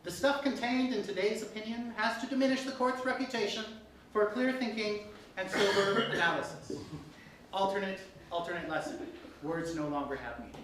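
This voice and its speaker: A performer narrates comic fairytales from a script before a live crowd, staying theatrical and regularly breaking into laughter and asides. Speaking fairly quickly at medium pitch, they're captured by a distant mic in an echoey room with background noise.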